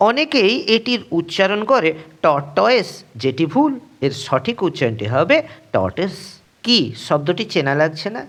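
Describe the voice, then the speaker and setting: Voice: mid-range voice, a bit bright. A narrator giving a scripted pronunciation lesson, setting a wrong version against the right one for each word and speaking straight to the viewer. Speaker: English pronunciation teacher.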